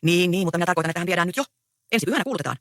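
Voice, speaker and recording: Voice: medium pitch, fairly bright tone, dry recording, clean studio sound, natural voice. A reader voicing a mild, peace-keeping older peasant farmer in a stage play read aloud. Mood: placating. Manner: placating, mild.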